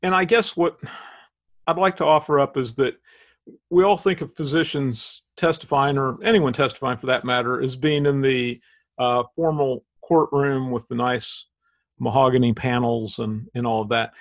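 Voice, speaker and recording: A man's voice: mid-range voice, steady tone, normal speed. A middle-aged man with a Southern Indiana Hoosier accent, talking casually and explaining things as a podcast co-host.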